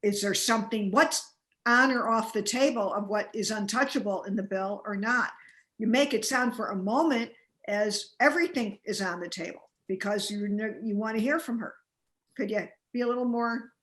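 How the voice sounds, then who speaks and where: A woman interviewer putting questions in a live panel interview, halting and often restarting mid-sentence. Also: mid-range voice, a bit bright. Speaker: interviewer, journalist.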